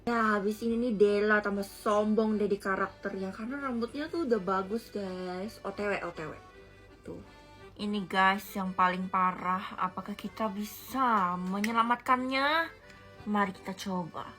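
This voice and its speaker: A woman's voice: mid-range voice, normal speed, a bit bright, soft background music. Chatty woman doing a doll hair makeover. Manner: chatty, addresses viewers. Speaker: doll video creator. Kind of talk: casual doll makeover narration.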